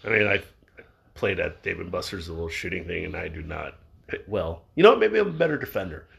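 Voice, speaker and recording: A man in his thirties talks in a gravelly, husky voice that sits a little low. He co-hosts a casual podcast and keeps up a stream of dry, sarcastic jokes. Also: a little fast, a bit bright. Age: 30s. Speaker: podcast co-host. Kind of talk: casual chat.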